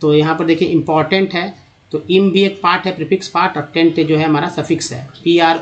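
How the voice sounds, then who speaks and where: A man teaching English pronunciation in Hindi, slowly sounding out words one by one over slides. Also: fairly high pitch, steady tone, muffled recording.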